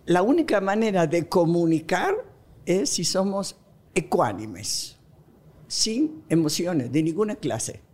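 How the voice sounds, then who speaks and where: Woman expert on a podcast, talks lively, acts out little quotes as she explains. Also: fairly low pitch, slow pace. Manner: animated, acts out quoted dialogue. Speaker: relationship expert guest.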